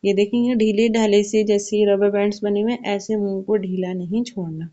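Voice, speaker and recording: A woman's voice: mid-range voice, steady tone, dark tone, highs cut off. A woman teaching children Quran recitation, explaining each rule patiently and asking questions she then answers herself. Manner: slows to recite verses carefully. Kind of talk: Quran tajweed lesson for kids.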